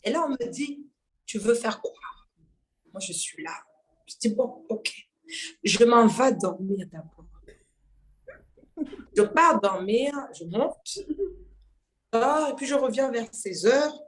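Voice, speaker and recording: Lively storytelling woman from Mayotte. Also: fairly high pitch, slow pace, long pauses. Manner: lively, laughing, acts out dialogue. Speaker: guest singer. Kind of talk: casual storytelling interview.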